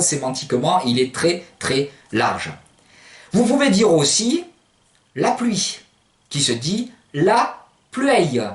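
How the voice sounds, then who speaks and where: A man giving a recorded language lesson, explaining words patiently and spelling them out letter by letter. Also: a little high. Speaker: language teacher. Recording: roomy, distant from the mic.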